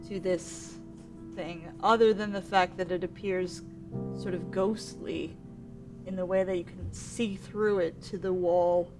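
A woman working as game master, improvising scene narration in an informal, halting way. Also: mid-range voice.

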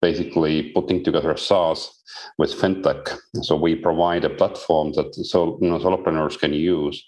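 A mature man with an extremely low voice talks as a guest on a business panel. He explains things conversationally and measures his words as he thinks aloud. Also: steady tone, moderate pace, darkish tone. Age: middle-aged or older. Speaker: company chief executive, panel guest.

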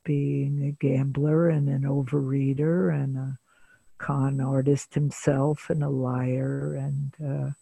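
An older woman speaking as a therapist guest in an interview, unhurried and deliberate, with frequent pauses between phrases. Her voice carries a gravelly texture and a husky, breathy edge. The sound is close and dry, with no room around it. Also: rumbling low, level tone, dark tone, dry recording. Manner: measured, pauses often with filler sounds. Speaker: psychotherapist guest. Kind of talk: storytelling in an interview.

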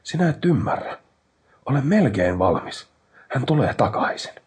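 In a dramatic audiobook reading, a man voices a grief-crazed male inventor, pitching above his own voice in frantic, strained, raised outbursts. The sound is mid-range but darkish and slightly rough, tense throughout, with big pitch swings.

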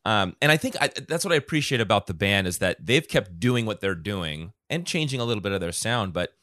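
A middle-aged man hosting a podcast, chatting casually with many halting restarts. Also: fairly low pitch, big pitch swings, a bit bright, no echo, studio quality. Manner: halting, restarts often, friendly questions. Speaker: podcast host.

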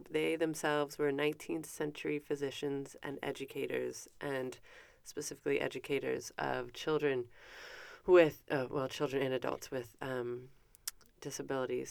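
In a casual, informal lecture, a woman presents the life of an educator as a chatty history lesson, correcting herself and tossing in plenty of fillers and asides. Her voice is low with vocal fry, recorded with no room sound, and French is not her first language.

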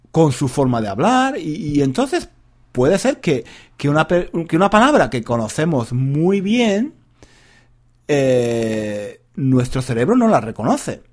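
Rambling, lively-voiced male Spanish teacher. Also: fairly high pitch. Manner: digressive, often loses his thread and laughs at himself; addresses listeners directly. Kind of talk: casual rambling lesson monologue.

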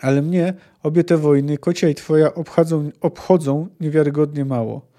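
A man reading the lines of a wounded, bitter male witcher from a novel in a flat, weary voice. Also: fairly high pitch, normal speed, lightly acted. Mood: scornful.

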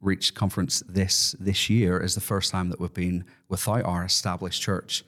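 Low-voiced Irish man in conversation. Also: flat delivery, moderate pace, a bit bright. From Ireland. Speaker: podcast guest, ministry worker. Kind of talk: conversational interview.

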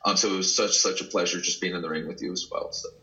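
A man from Texas talks casually about his wrestling career, laughing often and restarting his sentences. His voice is bright and forceful and sits a little low. The recording sounds a bit dull and lo-fi. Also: fast. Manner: animated storyteller, laughs often, many restarts. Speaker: pro wrestler guest. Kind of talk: casual interview chat.

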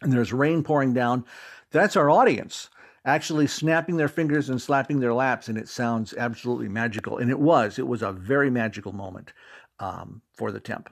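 Speaking at normal speed in a creaky, mid-range voice, this middle-aged man has an American accent and hails from Fort Wayne, Indiana. As an interview guest, the audio drama creator and stage actor chats and leans hard on key words while sharing anecdotes.

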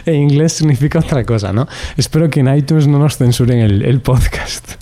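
A man's voice: medium pitch, moderate pace, mellow. A man co-hosting a casual podcast, joking and laughing often. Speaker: podcast co-host.

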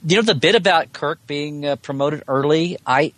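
On the high side and a bit bright, a man's voice moves at a moderate pace in a dry recording. He is a podcast guest who blogs about Star Trek, taking part in a relaxed fan discussion where he digresses, talks colloquially and rephrases as he goes.

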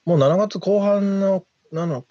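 A man's voice: sits high, takes it slowly, warm tone. A man co-hosting a podcast in casual, joking banter, loose and slangy. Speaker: podcast co-host. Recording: dull lo-fi sound.

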